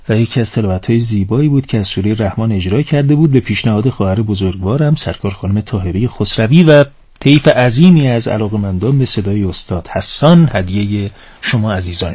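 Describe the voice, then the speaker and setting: A man hosting a religious radio program in a calm, reverent and courteous way, speaking into a studio microphone. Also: fairly low pitch, husky. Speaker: radio host.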